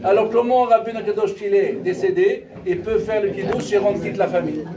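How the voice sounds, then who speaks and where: A man's voice: sits high, fairly even intonation, fairly quick, mellow. A man, giving a storytelling sermon at a memorial gathering and acting out the dialogue. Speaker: rabbi giving a talk. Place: gathering hall with audience. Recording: distant mic with crowd noise.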